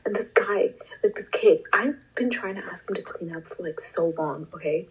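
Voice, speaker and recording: A young woman chatting casually as a vlog host, animated and giggly with lots of fillers. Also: lowish voice, normal speed, breathy edge, low-quality recording. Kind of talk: casual chat.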